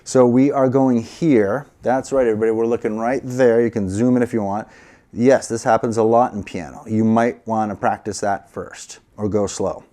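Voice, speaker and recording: A man's voice: on the low side, steady tone, normal speed, warm tone. A middle-aged man teaching a casual piano lesson, encouraging and counting aloud, a little sleepy. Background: piano playing.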